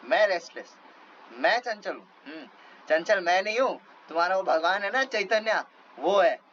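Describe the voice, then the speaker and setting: A man's voice: sits high, lively intonation, moderate pace, fairly bright tone, lo-fi sound, slight background noise. A man doing a cheeky young holy man. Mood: indignant. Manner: teasing, complaining.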